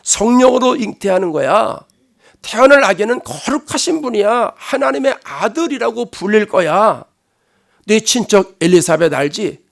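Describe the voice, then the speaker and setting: A man voicing a gentle angel messenger who speaks in plain, kindly reassurances. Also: sits high, lively intonation, normal speed, vocal fry, voice pushed up. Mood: reassuring.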